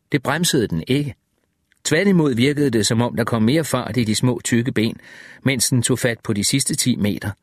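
A man narrating a first-person audiobook in a measured, even storytelling manner, slowing down on vivid details. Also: medium pitch, no echo, clean studio sound.

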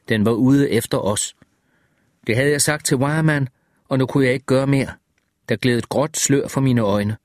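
A man narrating a first-person audiobook in a measured, even storytelling manner, slowing down on vivid details. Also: mid-range voice, no echo, clean studio sound.

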